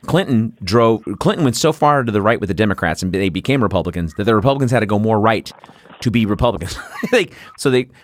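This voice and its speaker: A man's voice: lowish voice, quick pace, a little hiss or hum. A male podcast host ranting bluntly and sarcastically in a political talk show conversation, swearing freely. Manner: blunt, profane, ranting delivery; animated, sarcastic storytelling.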